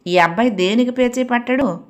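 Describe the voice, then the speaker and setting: A woman's voice: on the high side, normal speed, pitched above the performer's own voice, natural voice. A woman reading the lines of an irritable household cook complaining about a fussy boy. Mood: aggrieved. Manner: grumbling, aggrieved.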